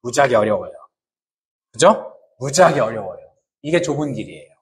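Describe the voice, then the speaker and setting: A man's voice: mid-range voice, very animated, fairly quick. A man preaching a sermon who keeps asking the congregation questions and answering them himself, in casual, joking everyday words. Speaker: pastor.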